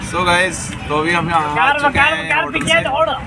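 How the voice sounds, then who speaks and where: Holding his phone at arm's length, a young travel vlogger from Jammu and Kashmir, India, casually shows viewers around busy streets, vehicles and monuments. His voice is very high and sing-song, a little slow, with a loud crowd and noisy city traffic behind him.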